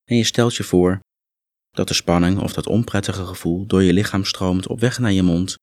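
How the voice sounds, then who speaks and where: A man guiding a muscle relaxation meditation, calm and instructive, gently coaxing the listener along. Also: low-pitched, moderate pace, dry recording, studio quality. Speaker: relaxation exercise guide.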